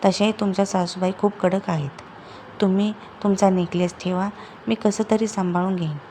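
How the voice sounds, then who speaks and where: A woman storyteller voicing a kind, timid young daughter-in-law who speaks gently. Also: mid-range voice, fairly even intonation, normal speed, a little hiss or hum, natural voice. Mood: gentle. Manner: gentle, reassuring.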